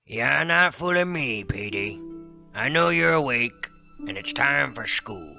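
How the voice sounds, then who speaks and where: Elderly uncle, male actor, fond and teasing, creaky slow voice, hammy radio-play warmth over music. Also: medium pitch, animated, exaggerated voice. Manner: folksy, gently ribbing. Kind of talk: hammy dramatic reading. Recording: music behind the voice.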